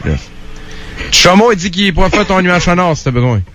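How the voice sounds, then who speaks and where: A man's voice: high-pitched, animated, a little fast, a bit bright. A man in his thirties with a Québécois French accent, hosting a casual radio talk show in a loose, friendly way. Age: 30s. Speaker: radio host.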